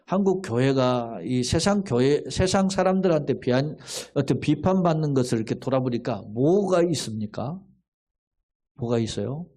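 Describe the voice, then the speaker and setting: A man's voice: mid-range voice, warm tone. A middle-aged male pastor giving a Bible exposition in a conversational sermon style, asking rhetorical questions and acting out quoted lines.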